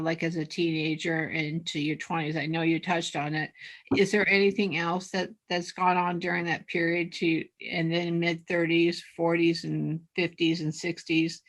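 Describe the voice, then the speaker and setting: A woman hosts a casual interview, her voice set a little low. She stammers over her questions and starts them again. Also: a bit bright. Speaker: interview host.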